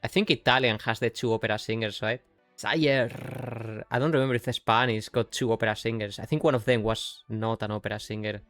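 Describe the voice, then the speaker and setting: A man's voice: on the low side, steady tone, fast, few pauses, a bit bright, no room sound, faint music behind. A man with a Yorkshire accent, chatting casually while streaming a game, rambling and breaking off mid-sentence. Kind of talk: casual live-stream commentary.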